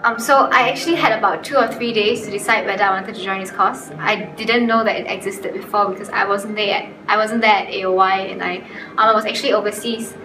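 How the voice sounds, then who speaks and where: A woman's voice: mid-range voice, steady tone, a little fast, music in the background. A woman graduate speaking candidly in a personal testimony, with frequent hesitant fillers. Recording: roomy, distant recording.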